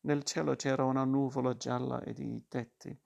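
Gravelly, monotone man reading a novel. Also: medium pitch, moderate pace, muffled recording. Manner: monotone, with occasional restarts. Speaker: reader.

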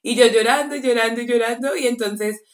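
A young woman tells a long story on a podcast, lively, laughing and acting out what people said. Her voice sits a little high. The room around her is echoey. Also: moderate pace. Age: young adult. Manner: animated, laughs often, acts out quotes. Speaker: podcast co-host. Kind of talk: casual chat, storytelling.

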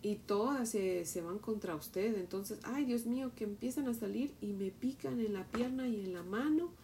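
A middle-aged Mexican woman with a Mexican accent, teaching from the Bible and telling a personal story in an animated way, often asking "¿verdad?". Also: mid-range voice, normal speed, slight background noise.

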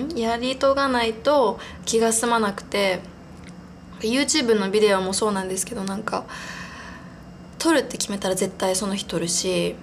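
A woman's voice: mid-range voice, slight background noise. A young woman in her twenties hosting a casual solo podcast, chatting in a rambling, giggly, self-deprecating way. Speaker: podcast host.

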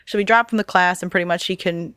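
A woman's voice: lowish voice, steady tone, fast talker, a bit bright, clean tone, no room sound. A woman in casual podcast chat, steadily recapping a film's plot with frequent "like" and "um".

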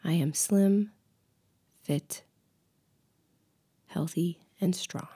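Soft, slow, mellow woman close in your ear. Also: on the low side. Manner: soft, breathy, close-up delivery, right in the ear, often near a whisper; calm, soothing, unhurried with long pauses. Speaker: guided meditation host. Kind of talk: guided meditation and affirmations.

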